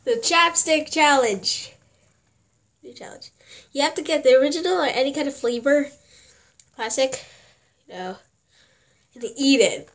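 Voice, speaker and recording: A woman's voice: high-pitched, unhurried, long pauses, a bit bright. A teenage girl talking casually and rambling to a tablet camera at home while vlogging. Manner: chatty, giggly, rambling. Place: home kitchen and bedroom. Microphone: tablet camera at arm's length.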